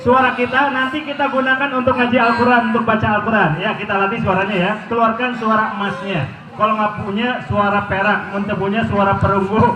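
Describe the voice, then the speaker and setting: A man leads a group of teachers in a vocal drill for Quran recitation, singing pitch patterns and calling on them to answer. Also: little pitch movement, fast, few pauses, distant mic, crowd noise. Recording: roomy echo with music behind.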